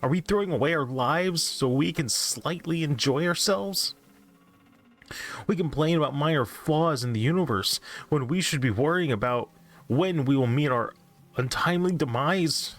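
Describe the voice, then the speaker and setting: A man's voice: fairly high pitch, a little slow, voice pushed up. A man reading a creepypasta as an anxious, doom-obsessed narrator who keeps nervously reassuring himself. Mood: uneasy.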